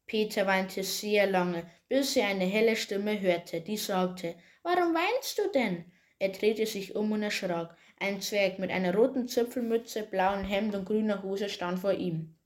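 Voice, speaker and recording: A woman reading a fairy tale aloud in a plain, steady way, with occasional small slips. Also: medium pitch, measured pace, few pauses. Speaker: storyteller.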